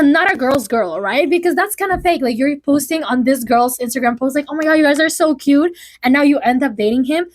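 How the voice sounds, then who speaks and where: Young adult woman, slightly high voice, casual gossipy vlog delivery full of fillers. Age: early 20s. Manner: chatty, filler-heavy, lots of "like". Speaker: vlogger.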